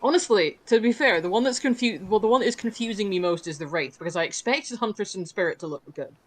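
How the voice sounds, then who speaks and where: A woman's voice: mid-range voice, animated, fast talker. A woman bantering on a game stream, dry and joking. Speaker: co-player on a stream. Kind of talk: casual banter.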